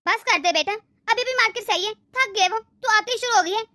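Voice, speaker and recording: A woman voicing a gentle, sickly elderly mother in a cartoon, calmly trying to keep the peace. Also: very high-pitched, fairly quick, dry recording, studio quality. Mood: soothing. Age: older. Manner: soothing, calming, pleading for peace. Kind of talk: Hindi cartoon voice acting.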